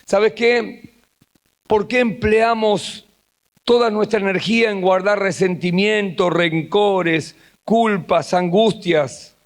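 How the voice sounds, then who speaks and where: A man with an Argentine Spanish accent preaching a sermon at a church camp, moving between hushed intimate passages and raised emphatic ones. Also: sits high, slow pace. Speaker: pastor.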